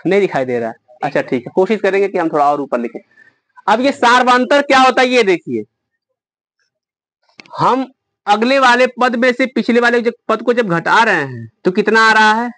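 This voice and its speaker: High-voiced male math teacher, dry. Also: animated, normal speed, bright, forceful tone, no echo. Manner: explains step by step, quizzes students. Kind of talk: classroom lesson. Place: classroom.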